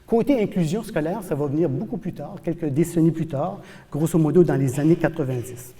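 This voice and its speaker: A man from New Brunswick, Canada, giving an animated, emphatic university lecture as a professor in a lecture hall. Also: fairly high pitch, brisk. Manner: animated, emphatic explaining, repeats for stress. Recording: long hall reverb.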